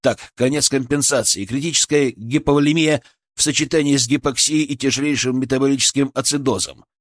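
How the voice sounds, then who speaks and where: A man's voice: mid-range voice, fairly even intonation, fairly quick, no echo, clean studio sound. A man reading a fantasy audiobook aloud in tense first-person narration. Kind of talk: scripted narration.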